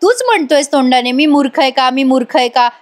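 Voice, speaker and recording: A woman voicing a calm, cutting young wife who brushes off her husband, in a drama recap. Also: sits high, a little fast. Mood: cool cutting.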